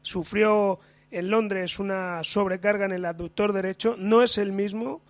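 A hoarse man reporting club news on sports radio, brisk and matter-of-fact. His voice sits notably high for a man. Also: steady tone, no room sound. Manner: brisk, factual news delivery.

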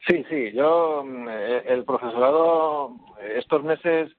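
A man's voice: mid-range voice, slow pace, no room sound. A male teacher, answering a radio interview by phone, hesitant and full of fillers. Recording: tinny phone line.

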